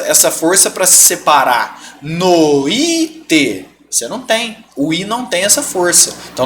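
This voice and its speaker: A Brazilian man with a high, pushed, bright voice and a Brazilian Portuguese accent teaches a live online grammar lesson over a slight hiss. He explains step by step, stretches out example words, and often checks in with students.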